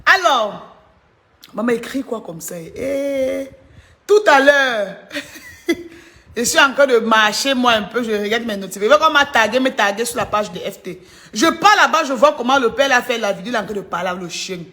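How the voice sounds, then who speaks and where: On a live stream, a woman delivers mocking gossip commentary, teasing, laughing often, and tossing chatty asides to her viewers. Her voice is slightly high, bright and pushed, with lively intonation at a moderate pace.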